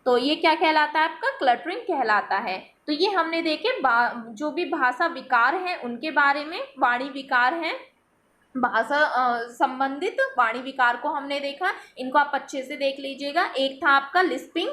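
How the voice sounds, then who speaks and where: High-voiced woman teaching an exam-prep lecture. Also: moderate pace, pushed and bright. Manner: explanatory, repeats points and checks with "theek hai".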